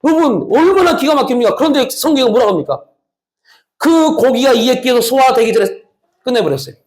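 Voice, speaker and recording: A male pastor delivering a sermon with steady emphasis. He keeps asking his listeners rhetorical questions and answering them himself. His speech is frank and colloquial, with casual asides set among earnest exhortations. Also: very high voice, a little fast.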